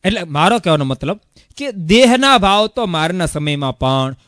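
A sadhu preacher with a voice that sits high tells a story in his sermon at a moderate pace, animatedly acting out what its characters say. It's a studio-quality recording with no echo.

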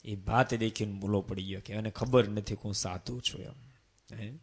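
A man preaching a devotional sermon, asking the audience rhetorical questions and slowly chanting verse refrains. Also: lowish voice, fairly even intonation, slightly rough.

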